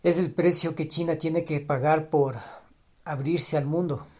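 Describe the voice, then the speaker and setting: A solo podcast host, originally a Spanish speaker, thinks aloud reflectively, often restarting his phrases and repeating ideas to emphasize them. His voice is on the high side and a little mellow, with fairly even intonation and a measured pace.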